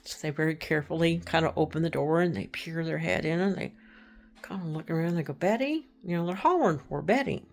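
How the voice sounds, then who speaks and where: Gravelly-voiced woman telling true crime. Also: low-pitched, fast talker. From Texas. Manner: chatty, acts out quoted people, drops to hushed tones. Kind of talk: casual true crime retelling.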